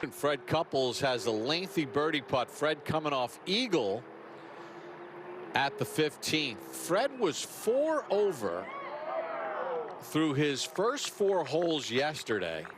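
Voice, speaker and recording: A man's voice: fairly high pitch, very animated, takes it slowly. A man calling golf play-by-play as the lead commentator. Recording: clear outdoor ambient noise behind.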